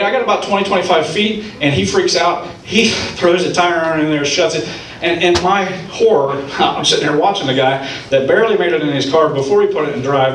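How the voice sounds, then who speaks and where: A man from Ohio doing a stand-up comedy set, telling stories with punchlines in an animated way. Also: on the high side, echoey room, distant mic, a little hiss or hum, poor audio. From Ohio, United States. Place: comedy club stage.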